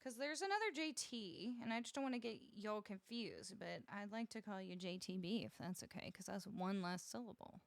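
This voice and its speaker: A woman's voice: medium pitch, animated, normal speed, gravelly, few pauses, no room sound. A woman music streamer chatting casually with her live viewers on a close studio mic. She laughs often and greets each viewer by name. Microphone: studio broadcast microphone, close.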